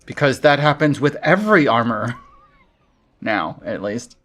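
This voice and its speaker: Animated streamer man, chuckling. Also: medium pitch, a little slow. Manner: chuckles often, thinks aloud. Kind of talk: casual gameplay chat.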